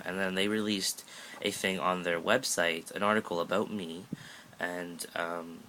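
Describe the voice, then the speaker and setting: This teenage Canadian vlogger, sixteen, wanders through a casual update full of jokes, fillers and false starts. He speaks in a low voice with a bright, pushy edge. The phone is held at arm's length, and the recording is low quality with a faint hiss.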